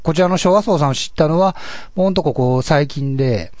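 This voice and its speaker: A man with a husky, gravelly voice, chatting casually and politely as a solo podcast host. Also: on the high side, brisk, darkish tone, dry recording, studio quality. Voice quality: husky, gravelly voice, often taken for having a cold. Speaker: podcast host and amateur musician.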